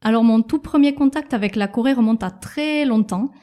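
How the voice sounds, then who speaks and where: Mellow-voiced woman, calm podcast co-host. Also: on the high side. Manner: measured, explanatory, with soft hesitations. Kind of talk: casual podcast chat.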